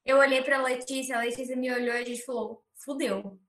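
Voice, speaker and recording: A woman's voice: sits high, a little fast. A young Brazilian woman, a podcast guest, telling a casual story and acting out the voices of the people in it. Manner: animated, acts out the voices of people in her story. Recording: roomy echo.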